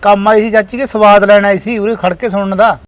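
In a family comedy skit with background music, a man plays an elder brother who insistently reasons with his family to settle a household quarrel. His voice is high and natural, brisk, with little pitch movement.

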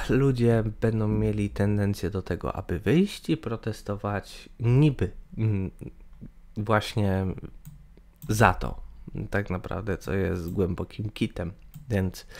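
Here a Polish gaming channel host in his twenties talks to camera about his views, his medium-pitched voice sounding mellow. He stumbles through fillers and restarts. The audio comes from a webcam in a small room, seen in the corner of a screen capture.

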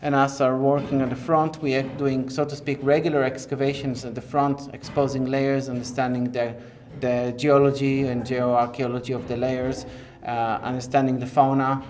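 A middle-aged man speaks at a medium pitch, explaining his research in an interview. He is hesitant and stops mid-sentence to search for words. The recording is made inside a rocky cave, with faint noise behind him. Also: flat delivery, normal speed, darkish tone. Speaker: archaeologist leading the excavation project.

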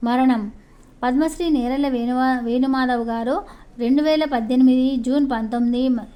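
A woman's voice: sits high, fairly even intonation, normal speed, warm tone. A woman narrating a biography for her channel, reading long lists of dates and awards with occasional slips and restarts. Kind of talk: read-aloud biography narration.

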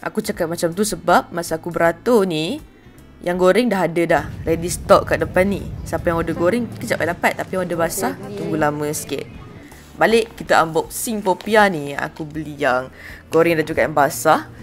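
A young woman with a Malaysian accent narrating a market food vlog in a casual voice-over, chatty and self-mocking, with asides to viewers. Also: lowish voice. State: hungry while fasting. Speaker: food vlogger. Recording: voice-over with faint music behind.

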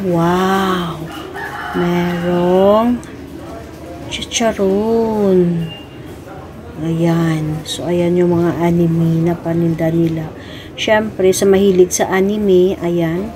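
A woman's voice: lowish voice, background noise. A woman with a Filipino accent, vlogging casually as she walks around an office bazaar with her phone. She chats along and keeps saying "ayan" between items. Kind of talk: casual walk-through vlog. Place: indoor office bazaar with crowd. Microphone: handheld phone camera. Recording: phone video with crowd chatter.

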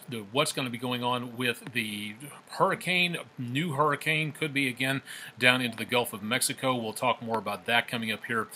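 A male TV meteorologist doing a live weather forecast, ad-libbing loosely and repeating himself, his voice coming through a faulty mic on a low-quality stream. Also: bright, forceful tone, a little hiss or hum. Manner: loose, repetitive, filler-heavy ad-libbing. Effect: low-quality stream audio from a faulty microphone.

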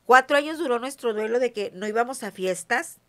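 With a slightly high, animated voice that sounds pushed and bright, a middle-aged Mexican woman chats emphatically at a fairly quick pace. She's a guest in a casual interview, calls herself a witch, and often says "¿sí me entiendes?"

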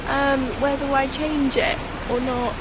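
Holding the camera at arm's length, a honeymooning British vlogger in her twenties talks casually outdoors at a resort, beside and in an open-air pool. She speaks unhurriedly in a high voice with little pitch movement, over noisy outdoor camera audio.

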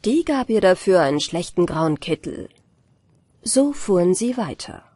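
Breathy woman reading a fairy tale. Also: fairly low pitch, no room sound. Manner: calm, measured storytelling. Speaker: audiobook reader. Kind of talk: bedtime fairy-tale narration.

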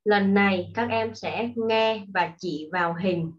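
Slow-speaking woman teacher, patient. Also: medium pitch. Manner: slow, patient explaining to children. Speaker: primary school English teacher. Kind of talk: online classroom lesson. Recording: dull lo-fi recording.

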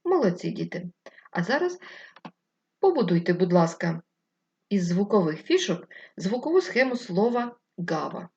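A Ukrainian woman teaching first graders, slowly dictating words and repeating them syllable by syllable. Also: medium pitch, sing-song, warm tone, highs cut off. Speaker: primary school teacher.

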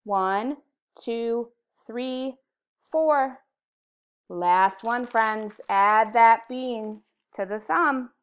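Slow, high-pitched American kindergarten teacher woman. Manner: kindergarten teacher voice, simple encouraging phrases with clear counting. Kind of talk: slow instructional lesson to young children. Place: indoor room, recorded video lesson at a computer.

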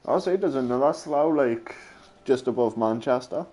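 A young man joking around with his friends over a gaming session. His voice sits at an ordinary middle pitch, and he swears freely in easy banter. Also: expressive, normal speed, warm tone, a little hiss or hum. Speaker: streamer. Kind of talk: casual gaming chat with friends.

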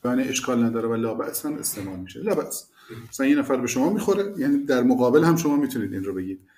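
A man's voice: medium pitch, expressive, a little mellow. A man teaching a language lesson, explaining phrases animatedly and repeating the key words.

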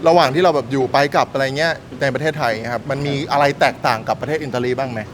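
A man's voice: mid-range voice, racing, background noise. A man interviewing someone casually, chatty and informal, with plenty of little interjections.

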